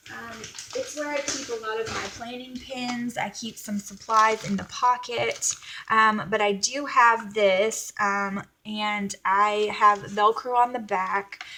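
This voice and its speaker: A woman's voice: fairly high pitch, fairly even intonation, slow pace, sharp tone, slight background noise, poor audio. A woman from Alabama with a Southern US accent, chatting casually and in a rambling, self-effacing way as she hosts a planner video. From Alabama, United States. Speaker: vlogger.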